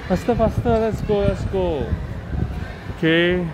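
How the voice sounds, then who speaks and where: A man's voice: high voice, background noise. A man hosting a casual walking tour vlog, chatting as he walks and films on a phone. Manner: slow, chatty, upbeat guide. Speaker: vlog host. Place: large indoor and outdoor garden complex at night. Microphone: handheld phone camera while walking. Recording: background music mixed in.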